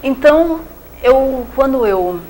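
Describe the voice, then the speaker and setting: High-voiced Brazilian woman psychiatrist, chatty. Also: expressive, takes it slowly, mellow, a little hiss or hum, low-quality recording. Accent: Brazilian Portuguese. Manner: chatty, explains with everyday examples and quoted dialogue, many fillers. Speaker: psychiatrist guest. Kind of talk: casual interview talk.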